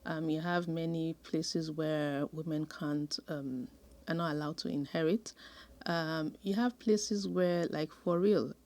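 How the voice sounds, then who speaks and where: Low-voiced, measured woman sociologist. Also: fairly even intonation, darkish tone. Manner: measured, thoughtful, pauses with frequent ums. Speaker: sociologist guest. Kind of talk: conversational interview answers.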